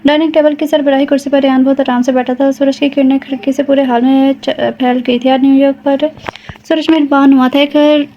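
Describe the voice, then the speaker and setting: A woman reads a romance novel aloud in steady scripted narration, stumbling and restarting now and then. Her voice is high but held in a flat, narrow line. The tone is soft and mellow, and the recording is dull, with a faint hiss behind her. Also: fairly quick. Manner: steady storytelling with occasional restarts.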